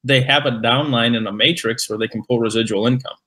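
A man co-hosting a business webinar, emphatic and hyping in a casual sales pitch. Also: fairly even intonation, a little fast, a bit bright. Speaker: webinar co-host.

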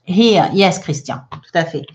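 A woman's voice: lowish voice, lively intonation, measured pace, a little mellow, dull audio. A woman teaching English in during a live online lesson, reading viewers' comments aloud with many fillers.

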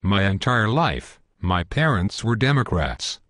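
A man's voice: fairly low pitch, big pitch swings, a little slow, fairly bright tone, no echo, studio quality. A synthetic male voice playing a hesitant, reasonable guest in a scripted satirical cartoon interview, speaking earnestly and stiffly.

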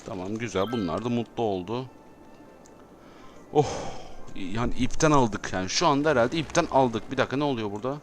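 A Turkish man talks over his city-building game at an ordinary pitch, given to exasperated outbursts and repeating himself over and over. Faint game music plays behind him. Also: fairly quick. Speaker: gameplay commentator. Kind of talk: excitable gameplay commentary.

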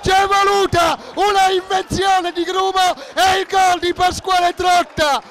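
High-pitched breathless Italian man shouting goal commentary. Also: little pitch movement, unhurried. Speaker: football commentator. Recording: noisy stadium with crowd behind. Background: football crowd and stadium noise.

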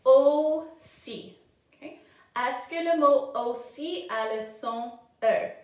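A woman teaching a simple French lesson to children, speaking slowly and clearly, repeating each word and giving English translations. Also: high voice. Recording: very echoey room, voice from far off.

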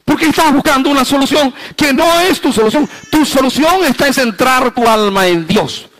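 High-voiced pastor preaching with dramatic swings. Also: male voice, lively intonation, moderate pace, poor audio. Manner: preaching with swings between loud high emphasis and hushed low passages; asks the congregation rhetorical questions. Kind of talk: sermon.

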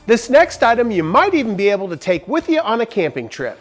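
A man's voice: sits high, big pitch swings, brisk. Upbeat man hosting a woodshop tool review. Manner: upbeat, jokey, explanatory. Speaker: woodworking channel host. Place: large barn workshop. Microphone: lapel.

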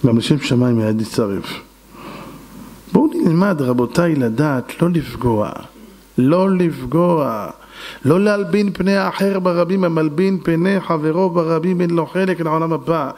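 A rabbi giving a sermon, telling stories and acting out the dialogue dramatically while addressing the congregation. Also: male voice, on the high side. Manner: acts out dialogue in a lively, dramatic voice; addresses the audience directly. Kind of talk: storytelling sermon.

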